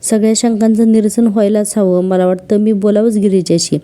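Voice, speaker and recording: A woman's voice: mid-range voice, flat delivery, brisk, warm tone, lightly acted. A woman voicing a worried young wife who sulks and frets.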